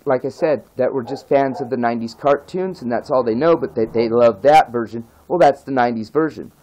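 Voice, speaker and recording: In a low-quality recording with a bit of background noise, a vlogger with a slightly mellow voice rants passionately but casually to camera. He grew up in the nineties, and he keeps repeating his pleas and stressing his points, his voice rising as he begs.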